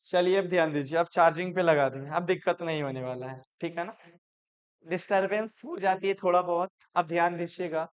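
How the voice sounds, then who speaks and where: A man's voice: fairly high pitch, brisk, clean tone, lo-fi sound. A male teacher giving a classroom grammar lesson, repeating points and asking and answering his own questions. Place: classroom with students.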